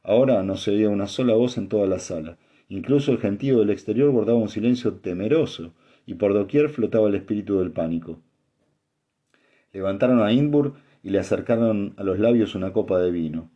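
Male narrator, audiobook reading, steady, low voice, very dark tone. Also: fairly quick, dull audio.

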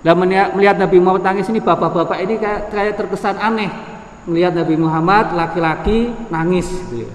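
A man with a Javanese accent giving a religious lesson. He chants Arabic text slowly and then explains it in relaxed, conversational speech. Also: sits high. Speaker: ustadz teaching a hadith book. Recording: echoey room, long reverb, faint noise.

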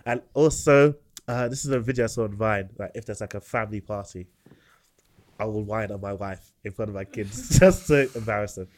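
A young man with a London accent, chatting casually in a slangy, halting way. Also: on the low side, darkish tone. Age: young adult. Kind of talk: casual group chat.

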